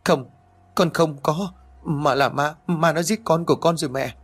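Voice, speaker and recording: A terrified young mother pleading in a panic, played by a male narrator. Her voice rides well above his usual low tone. It is delivered as part of an audio horror story. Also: fairly even intonation, moderate pace, breathy edge. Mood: panicked.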